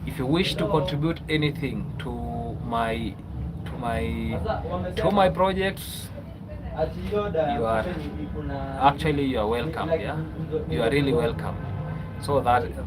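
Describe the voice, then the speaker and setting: A man's voice: mid-range voice, heavy background noise. A man with a Kenyan accent hosting a casual livestream, chatty, often ending phrases with a questioning "yeah?". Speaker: livestream host.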